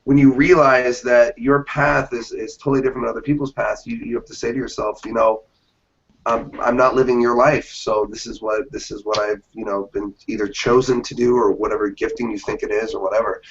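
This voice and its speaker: A man's voice: medium pitch, brisk, a little hiss or hum. A man in his late thirties, a magician telling stories in a casual interview and acting out the reactions of the people in them. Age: 30s. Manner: animated storyteller, acts out quoted reactions. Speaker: magician guest. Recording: dull lo-fi interview audio.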